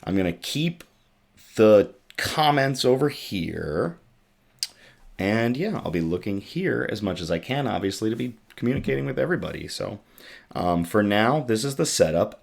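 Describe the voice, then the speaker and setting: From his home setup, a man with a raspy, tired, fairly low voice casually hosts a good-news livestream through a desktop USB microphone. He chats loosely with lots of ums and reads viewer comments aloud.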